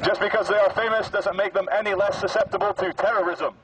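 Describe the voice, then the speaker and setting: A man speaking through a megaphone on a busy outdoor square, making formal, deadpan mock public announcements. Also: sits high, fast talker. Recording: muffled megaphone with street noise.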